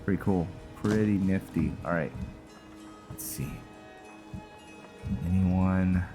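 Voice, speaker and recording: A gamer who hosts a role-play series gives relaxed let's-play commentary, musing and often talking to himself as he plays. His voice is low and slow, with game music in the background.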